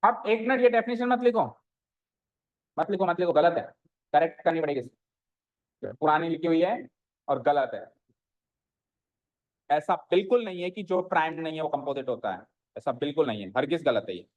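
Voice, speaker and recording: A man's voice: fairly high pitch, lively intonation, normal speed, long pauses, lo-fi sound. A male maths teacher giving a classroom lesson, asking the students questions and repeating their answers back to them, with English maths terms mixed into his talk.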